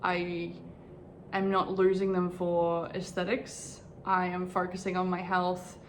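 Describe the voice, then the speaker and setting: A woman's voice: lowish voice, monotone, takes it slowly, reverberant, slight background noise. A woman in her twenties talking candidly and reflectively in a casual personal vlog, filmed in her bedroom at home. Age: 20s. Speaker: vlogger.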